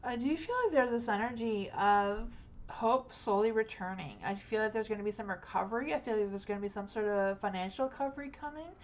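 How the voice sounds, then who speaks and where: A woman's voice: a little high, highs cut off, a little hiss or hum. A young woman live-streaming tarot readings, talking in a rambling, hesitant way with many likes and ums. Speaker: tarot reader.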